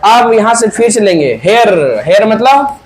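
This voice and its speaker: A man with a Hindi accent teaching physics to a class, firing questions and loudly prompting his students to answer in chorus. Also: high voice, lively intonation, moderate pace. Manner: quizzing students, prompting answers, loud emphatic calls. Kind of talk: classroom lecture with call-and-response. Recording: noisy classroom with crowd.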